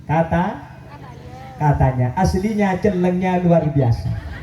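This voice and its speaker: With a high, expressive, dark-toned voice and a slow pace, a man gives an Islamic sermon, joking, self-deprecating, talking directly to the crowd, and quoting Arabic. The live recording of the gathering is roomy, distant, and noisy.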